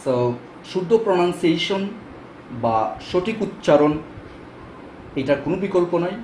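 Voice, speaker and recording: A man's voice: high voice, lively intonation, unhurried, a little mellow, slight background noise. A man teaching English pronunciation in a casual spoken lesson, explaining step by step with frequent fillers. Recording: echoey room with faint ambience.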